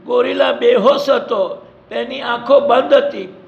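A man's voice: very high-pitched, unhurried, gravelly. A man narrating a storybook adventure dramatically, in an echoey, dull lo-fi recording.

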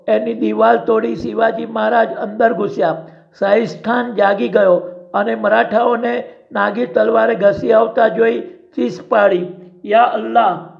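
A man narrating a story in a steady, dramatic storytelling manner, with a dull lo-fi sound. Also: high-pitched, vocal fry. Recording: dull lo-fi recording.

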